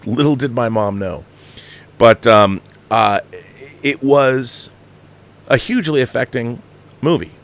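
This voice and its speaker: Delivering film commentary off the cuff as a show host, this American man in his fifties sounds impassioned, emphatic and halting, and he often digresses. His voice is mid-range.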